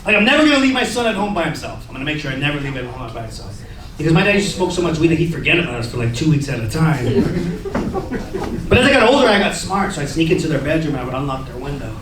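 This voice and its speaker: A young man doing a stand-up comedy set on a club stage, telling stories loudly and shouting out the lines he quotes. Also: a little high, rapid-fire. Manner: loud, excitable storytelling, shouting acted-out quotes. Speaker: stand-up comedian hosting a veterans show. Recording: echoey club, mic heard from a distance, crowd laughter.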